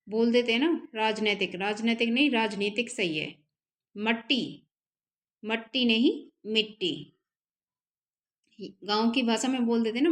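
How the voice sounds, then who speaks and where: A woman teaching an exam-prep spelling lesson, repeating each word slowly and carefully so students can copy it down. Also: a little high, fairly bright tone. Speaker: Hindi teacher.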